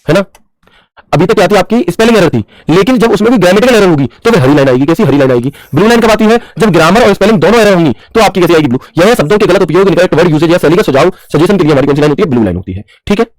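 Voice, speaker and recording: Fast-talking man teaching with quizzing repeats. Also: sits high, expressive, no room sound, poor audio. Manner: repeats questions to the class and answers them; mixes English terms into Hindi, calls students bhaiya. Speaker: computer teacher. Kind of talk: screen-share tutorial lesson.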